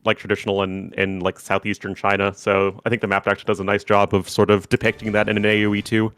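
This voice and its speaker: A man co-casting a strategy game tournament in a relaxed, chatty way, laughing often. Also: fairly low pitch, fast talker, smooth, no echo. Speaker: tournament co-caster. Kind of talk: casual game commentary.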